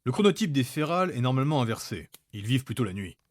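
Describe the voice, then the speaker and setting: A man's voice: medium pitch, sing-song, fast, no echo. A man reading scripted narration for a fantasy audio story.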